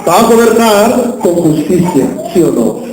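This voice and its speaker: High-voiced preacher in an echoey church. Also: male voice, big pitch swings, measured pace, crowd noise. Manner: preaching with questions to the congregation. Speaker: pastor. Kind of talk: sermon.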